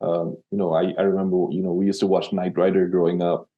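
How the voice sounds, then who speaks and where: A man's voice: low-pitched, flat delivery, quick pace, dull audio. A man from Sri Lanka, a copywriter guest in an interview, talking casually with many fillers and restarts.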